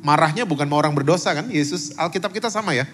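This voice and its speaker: A man's voice: a little high, rapid-fire, music in the background. A man, a pastor, preaching conversationally as a talk-show guest, quizzing the audience and mixing in English words. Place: church meeting room.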